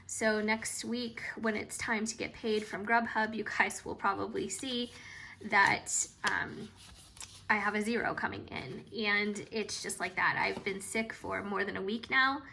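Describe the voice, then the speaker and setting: A woman vlogger talking casually through her cash budget, a bit hoarse and chatty, with frequent hesitations. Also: medium pitch, fairly even intonation, unhurried, sharp tone, a little hiss or hum. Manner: chatty and hesitant, with frequent ums and trailing asides.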